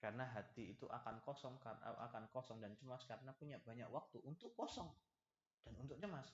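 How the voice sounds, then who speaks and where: Lively, animated male preacher in an echoey hall. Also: mid-range voice, a little fast. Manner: lively, acts out little dialogues and jokes with the audience. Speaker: preacher giving a study lesson. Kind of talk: religious study lecture. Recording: echoey, slightly dull hall recording.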